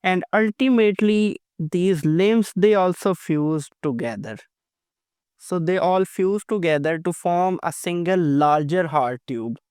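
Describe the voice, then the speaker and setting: A man's voice: high voice, a little slow, darkish tone, clean tone, no echo, clean studio sound. A man giving an explanatory narrated lecture in a didactic way, repeating points and checking understanding, while down with flu and a sore throat. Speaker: anatomy lecturer. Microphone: voice-over for animated lecture.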